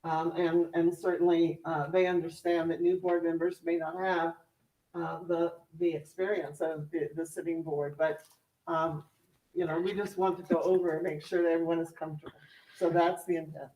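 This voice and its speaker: Lowish-voiced woman in an echoey meeting room. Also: flat delivery, moderate pace, dark tone. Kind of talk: meeting explanation. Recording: echoey room, distant microphone.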